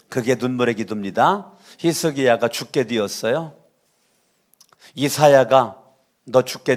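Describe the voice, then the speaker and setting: A man preaching a sermon as pastor, having the congregation repeat lines after him, moving between loud exhortation and soft asides. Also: medium pitch.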